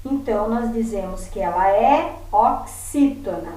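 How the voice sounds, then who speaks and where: A woman teacher, giving a remote lesson to her pupils and patiently saying example words slowly so they can hear them. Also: medium pitch, animated, dark tone. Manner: patient, repeats words slowly to model stress. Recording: very echoey room, voice from far off.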